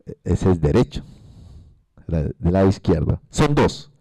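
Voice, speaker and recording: A man's voice: deep voice, very animated, unhurried, warm tone, slightly rough, no room sound. A man giving a medical lecture to a class, asking the students questions and repeating the key terms. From Peru.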